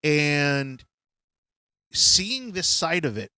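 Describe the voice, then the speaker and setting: A man in his fifties tells a personal story on his podcast, candid and reflective, pausing on ums and uhs. His voice sits a bit high for a man. The studio sound is close and dry. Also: sing-song, bright, forceful tone, dry recording. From Hartford, USA. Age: 50s. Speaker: podcast host. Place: studio in a curiosity shop.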